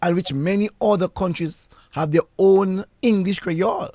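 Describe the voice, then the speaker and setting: Man, radio host, halting, repeats himself, somewhat high voice, dry studio sound. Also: darkish tone, no echo. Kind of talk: radio interview.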